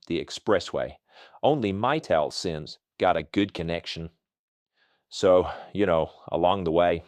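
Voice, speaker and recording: A male journalist with an electronically disguised voice, answering interview questions in a halting, plain telling. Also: low voice, no echo. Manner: halting, plain storytelling with pauses.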